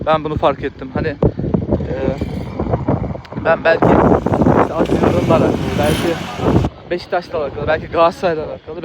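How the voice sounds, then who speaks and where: Chatty man rambling outdoors, slightly high voice. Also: heavy background noise. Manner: chatty, laughs often, many fillers and restarts. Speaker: video creator. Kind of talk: casual rambling monologue.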